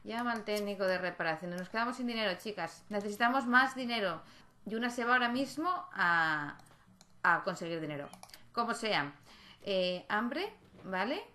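A woman's voice: medium pitch, animated, moderate pace, sharp tone. Chatty woman playing a sim game. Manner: chatty, talks to her game characters, frequent tag questions. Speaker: gaming YouTuber. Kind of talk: casual let's-play commentary.

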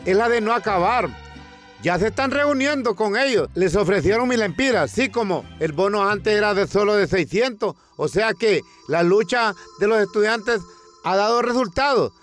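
A man's voice: sits high, lively intonation, moderate pace, fairly bright tone, faint music behind. A man with a Honduran accent telling a comic news monologue in a colloquial, storytelling way, acting out protest chants. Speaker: comic presenter.

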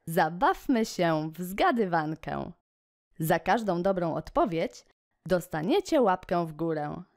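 A woman hosting a children's educational video, speaking slowly and encouragingly in a sing-song way. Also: on the low side, a little mellow.

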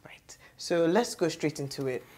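A woman hosting a book club show, speaking in a measured way and guiding the conversation with questions. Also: sits low, expressive, warm tone, slight background noise.

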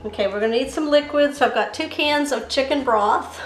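A cooking channel host demonstrates a home recipe in her roomy kitchen, where faint music plays, speaking fairly quickly in a high voice. She explains each step and savors what she tastes while the camera stays on her hands and the countertop.

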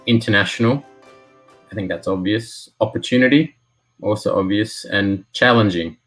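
An Australian football lawyer in his thirties joins a video call as an alumnus guest from a small room, heard through a laptop webcam with soft music in the background. His fairly low, slightly bright voice moves at a normal speed, but he sounds hesitant, with frequent fillers and restarts.

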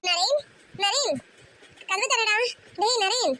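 A woman's voice: very high-pitched, takes it slowly, very noisy. A woman voicing a flustered, playful young woman in love, pleading and fretting in an amateur audio romance story.

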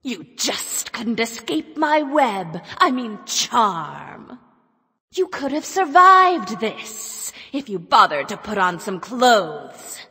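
An actress voicing a sly, sinister spider-woman in a video game, taunting with silky menace in a husky, breathy voice. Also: a little high, big pitch swings, slow pace, sharp tone, in a large hall, heavily acted. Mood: mocking.

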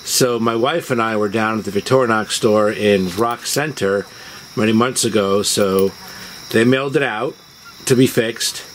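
This low-quality recording captures a video host with a fairly low voice telling personal stories in a relaxed way at normal speed. He sits on a house porch outdoors at dusk, with crickets and insects chirping around him.

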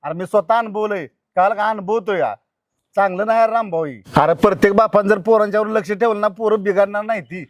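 A man acting as a village father from a short drama, his voice sitting very high for a man. He talks emphatically, pleading and scolding by turns, and stands up fiercely for his daughter. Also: fast, no echo, natural voice. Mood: advising. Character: distraught rural father defending his daughter.

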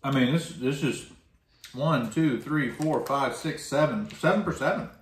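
Relaxed man tasting snacks at home. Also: mid-range voice, a little slow. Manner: relaxed, reads package text aloud. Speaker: snack reviewer, co-host. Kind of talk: casual snack-tasting chat. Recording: echoey room, faint noise.

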